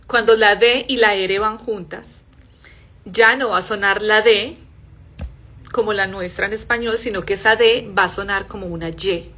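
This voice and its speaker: A young Spanish-speaking woman teaching a live English pronunciation class, explaining in Spanish and modeling English words slowly and softly. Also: mid-range voice, steady tone.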